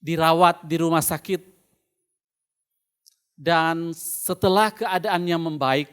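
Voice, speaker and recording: A man with an Indonesian accent delivers a sermon through a face mask, which slightly muffles him. His voice is fairly high and smooth. He speaks slowly and deliberately, repeating phrases for emphasis. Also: steady tone, a bit bright. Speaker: preacher.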